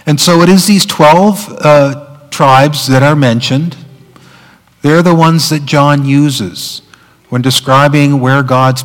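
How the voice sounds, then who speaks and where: Pastor preaching in a reverberant church. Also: male voice, mid-range voice. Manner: conversational, with filler words and restarts. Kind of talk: sermon.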